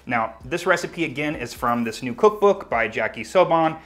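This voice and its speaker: A man's voice: medium pitch, animated, moderate pace, a bit bright. A man hosting a home cooking video, talking casually to viewers and tasting his food as he goes, with frequent small self-corrections. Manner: chatty, eating while talking, self-correcting. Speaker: cooking channel host. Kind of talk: casual cooking vlog talk.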